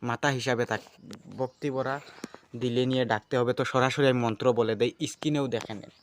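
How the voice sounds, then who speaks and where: A man's voice: mid-range voice, fairly even intonation, a little hiss or hum. Earnest man explaining a ritual. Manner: earnest, repeats himself, speeds up and slows down. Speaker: channel host teaching a ritual. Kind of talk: casual spoken instruction.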